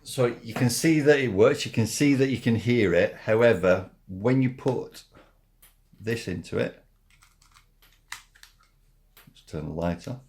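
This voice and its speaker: A man giving a casual, hands-on product review in an informal, halting way, repeating himself as he demonstrates. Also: mid-range voice, a little mellow, a little hiss or hum.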